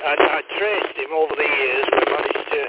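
A man's voice: a little high, fairly quick. Chatty older man over crackly radio. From Wigan, England. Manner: friendly, chatty, hands back with "back to you". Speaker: amateur radio operator. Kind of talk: casual radio chat. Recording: tinny radio link with static.

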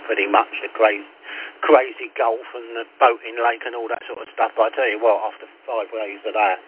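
A man's voice: medium pitch, level tone, brisk. An older man on an amateur radio link, chatting and laughing easily with friends on the air. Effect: heard over amateur radio, narrow band. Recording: thin radio-link sound with faint hiss.

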